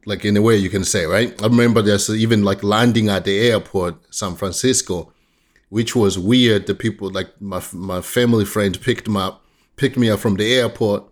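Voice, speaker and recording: A man from Tanzania, a guest in a casual interview, talking haltingly with frequent restarts and laughter. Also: on the low side, steady tone.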